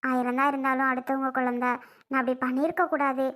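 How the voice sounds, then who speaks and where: A woman playing a remorseful aunt who talks softly and apologetically in a family drama. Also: sits high, flat delivery, fast talker. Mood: apologetic. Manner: soft, apologetic, subdued.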